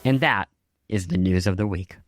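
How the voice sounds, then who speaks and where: A man with a low voice speaks at a moderate pace, hosting a podcast. He reads scripted news and show notes in a wry, conversational way, with music playing behind him.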